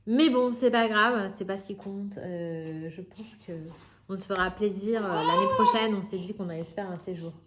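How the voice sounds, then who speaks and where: A woman's voice: medium pitch, big pitch swings, normal speed, very noisy. Chatty French-speaking woman vlogger. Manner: chatty, many fillers and restarts. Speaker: coloring vlogger. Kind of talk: casual chat. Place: home.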